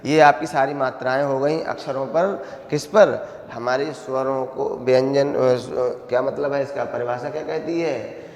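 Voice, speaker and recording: A male primary school teacher giving a grammar lesson, stretching words out slowly and asking questions that he answers himself. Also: mid-range voice, fairly even intonation. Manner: slow, drawn-out syllables, asks questions and answers them himself. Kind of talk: classroom lesson explaining grammar. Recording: echoey, reverberant room.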